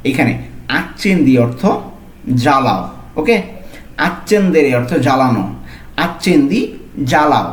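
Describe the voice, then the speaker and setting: Man slowly tutoring in an echoey room. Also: fairly high pitch. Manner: slow, repeats each phrase word by word. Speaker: language tutor. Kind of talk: lesson narration.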